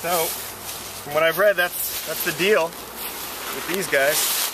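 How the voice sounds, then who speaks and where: Speaking slowly in a fairly high voice, a hesitant first-time beekeeper narrates a job in a leafy yard. His casual how-to talk is unsure and self-deprecating. The audio comes from an outdoor camera some distance away, and buzzing bees make it noisy.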